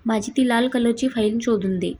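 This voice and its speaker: A woman reading the lines of a proud, impatient young husband who gives orders irritably, in a husky voice. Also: fairly high pitch, moderate pace, darkish tone, a little hiss or hum, close to an everyday voice. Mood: irritable. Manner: demanding, irritable.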